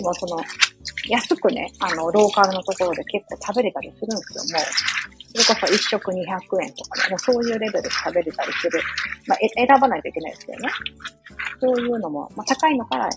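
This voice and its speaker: A woman from Osaka hosting a casual live stream from her home kitchen, chatting in a rambling way full of fillers and quick apologies. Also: medium pitch, low-quality recording. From Osaka, Japan. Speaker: live audio stream host. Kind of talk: casual chat while cooking, reading listener comments.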